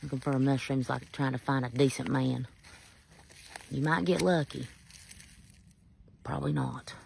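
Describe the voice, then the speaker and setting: A woman's voice: a bass voice, fairly even intonation, normal speed, creaky, darkish tone, a little hiss or hum. A woman vlogging outdoors in hilly woods on a handheld phone, chatty and joking at her own expense. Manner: joking, chatty, self-mocking. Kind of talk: casual outdoor vlog.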